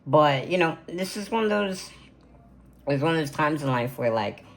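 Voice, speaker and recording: His voice sits on the high side and sounds expressive at an ordinary pace. Filming indoors in his home gaming room, this twenty-something content creator delivers a casual, rambling birthday vlog to camera, packed with filler words.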